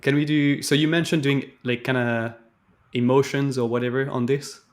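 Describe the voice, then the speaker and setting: A man's voice: mid-range voice, fairly even intonation, normal speed. Chatty man thinking aloud while coding. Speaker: live stream host. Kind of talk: casual coding walkthrough.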